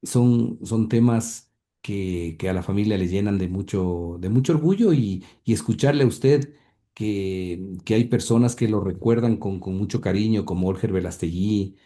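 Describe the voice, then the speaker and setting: Speaking at a normal speed, a man with a fairly low, dark-toned voice responds to interview questions about his grandfather, who has passed away. He's the grandson and a guest on the show, and his speech is halting, full of fillers and repeated words.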